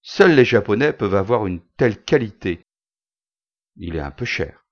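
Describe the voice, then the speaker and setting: A man's voice: fairly low pitch, sing-song, moderate pace. A man voicing a male shopkeeper in a grey smock who speaks obligingly and plainly. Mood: matter-of-fact. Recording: dull lo-fi recording.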